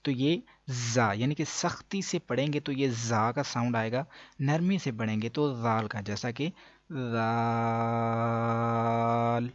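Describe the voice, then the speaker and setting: A man teaching a Quran reading lesson. He explains each rule, then slowly drawls out the letter sounds for the listener. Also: medium pitch, no room sound. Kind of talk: step-by-step recitation lesson. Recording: dull dry lo-fi recording.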